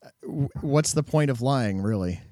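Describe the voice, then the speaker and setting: A man co-hosting a casual sports podcast, relaxed and chatty, with frequent fillers and chuckles. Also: medium pitch, moderate pace, dry recording, studio quality. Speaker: podcast co-host.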